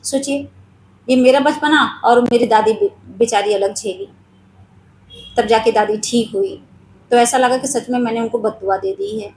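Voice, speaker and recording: A woman with a high voice tells a personal spiritual story in an earnest, confiding manner. She speaks straight to her viewers. The room has a clear echo and a faint ambient hum behind her. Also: moderate pace, darkish tone.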